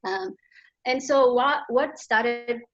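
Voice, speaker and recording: A woman from Somaliland, raised in Tanzania, telling her story as a nonprofit founder in an earnest, lively way on a panel held over a video call. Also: fairly high pitch, slow, muffled recording, faint music behind. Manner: earnest, animated storytelling with laughs. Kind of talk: panel discussion.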